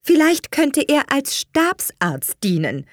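A woman's voice: high-pitched, big pitch swings, takes it slowly, no room sound, studio quality, voice pushed up, heavily acted. A woman voicing a haughty, mocking upper-class mother in an audiobook reading. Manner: mocking, smooth.

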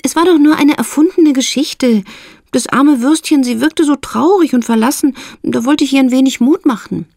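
A woman voicing a good-natured schoolgirl who speaks briskly and firmly, pitched well above her own voice. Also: darkish tone, no room sound, clean studio sound. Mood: defensive. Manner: brisk and firm.

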